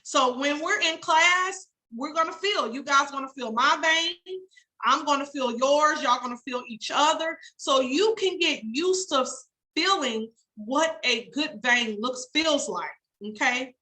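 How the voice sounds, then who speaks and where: A woman's voice: sits high, unhurried, pushed and bright, rough recording. A woman instructor lecturing a class, spelling out terms and checking in often with "okay?". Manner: casual, folksy teaching talk. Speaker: phlebotomy instructor.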